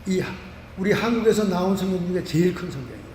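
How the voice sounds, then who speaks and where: A Korean man, a pastor, preaching a lively sermon full of homely examples. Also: high voice, fast talker, slight background noise. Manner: animated preaching with vivid everyday examples. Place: church sanctuary. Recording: roomy church hall from a distance.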